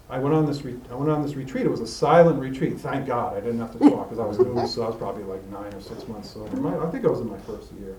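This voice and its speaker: A middle-aged man sharing his recovery story with a group, halting and rambling with many fillers and restarts, recorded in a meeting room. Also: medium pitch, a little mellow. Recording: roomy, distant mic with faint hiss.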